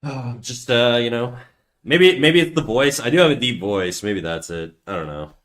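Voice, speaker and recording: A man with a medium-pitched, fairly bright voice chats casually and animatedly at a moderate pace while drawing on a livestream. The artist rambles, swears freely, pokes fun at himself, and keeps restarting his sentences.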